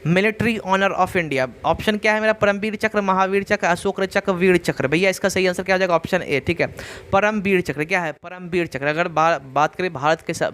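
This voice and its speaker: A man's voice: high voice, a bit bright, a little hiss or hum. A man teaching an online general-knowledge exam class, reading out questions and options and repeating each answer with rhetorical questions, talking casually to his viewers. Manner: repetitive, drills answers with rhetorical "kya hai?"; casual, addresses viewers as bhaiya and yaar. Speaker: GK quiz teacher.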